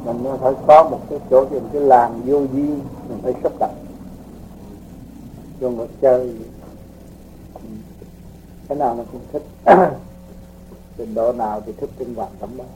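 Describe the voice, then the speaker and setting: A man teaching spiritual practice in a relaxed, folksy way, explaining with homely examples to his students. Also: mid-range voice, normal speed, pauses often, lo-fi sound, a little hiss or hum. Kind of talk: casual spiritual teaching talk.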